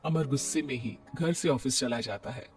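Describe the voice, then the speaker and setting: A man narrating a cartoon story in a measured storytelling manner. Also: medium pitch, slightly rough, soft background music.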